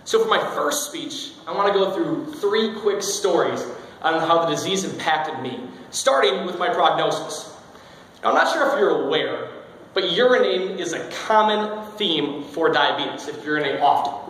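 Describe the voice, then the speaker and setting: A man's voice: fairly high pitch, lively intonation, normal speed, a bit bright. A man in his twenties telling a humorous personal speech, joking and self-deprecating. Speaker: speaker giving a speech. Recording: very echoey hall, faint noise.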